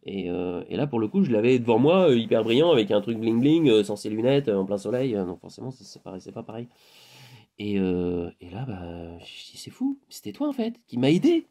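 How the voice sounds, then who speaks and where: A middle-aged man in an improvised vlog monologue, laughing often and acting out little dialogues. His voice has a gravelly edge and swings widely in pitch as he gets carried away. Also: a little fast. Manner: animated storyteller, laughs often, acts out dialogue. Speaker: spiritual vlogger.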